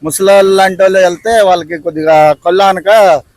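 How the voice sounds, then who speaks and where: A man's voice: high voice, steady tone, brisk, a little mellow, dry recording. Local man answering a street interview, polite and hesitant, dry close sound. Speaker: local voter.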